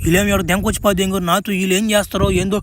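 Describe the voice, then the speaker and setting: High, fast-talking rustic man. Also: little pitch movement, noisy background. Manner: rustic, profane, rapid banter. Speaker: cartoon voice actor playing the Flash. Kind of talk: crude comic cartoon dubbing.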